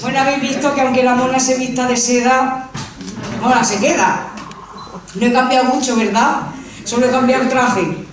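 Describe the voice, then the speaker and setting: A woman's voice: high-pitched, steady tone, moderate pace, pauses often, background noise. A woman performing a self-mocking stand-up comedy monologue on a live stage, with punchy joke delivery. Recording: very echoey room, voice from far off.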